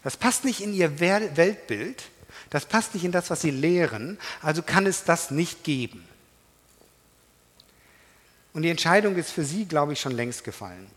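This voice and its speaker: Middle-aged guy preaching in a church hall, lively up-and-down voice, lots of echo. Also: a little high, moderate pace, long pauses, breathy edge. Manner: animated, emphatic, talks straight to the audience. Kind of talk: sermon. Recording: reverberant hall.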